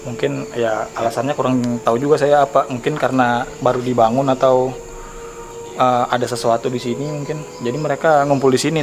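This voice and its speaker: A man hosts a casual night exploration vlog. He talks quickly but hesitantly, feeling for his words, with clear cricket and insect noise behind him. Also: medium pitch. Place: school building at night.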